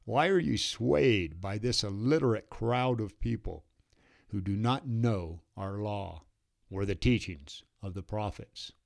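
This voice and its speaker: A man's voice: on the low side, unhurried, gravelly. A man voicing a scornful male council elder.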